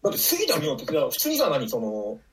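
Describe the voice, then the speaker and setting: Animated man, wild pitch swings. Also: quick pace, far from the mic, rough recording. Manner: animated, swings high for emphasis, slangy. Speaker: podcast co-host. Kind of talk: casual film chat. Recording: voice set back from the mic.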